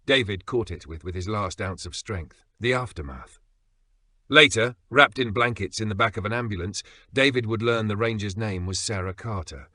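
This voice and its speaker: A man with a lowish voice tells a dramatic story in earnest, suspenseful scripted narration, pausing for effect. His tone is bright and forceful, recorded close and dry with no room sound. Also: no room sound.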